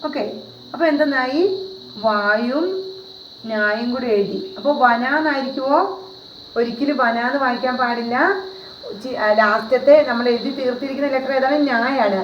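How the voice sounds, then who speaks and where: Speaking at a moderate pace with frequent pauses, a woman teaches Hindi in a classroom-style video, her voice slightly high. Patiently, she goes over points again and throws rhetorical questions at viewers. Behind her is a faint hiss in a roomy, dull-sounding recording.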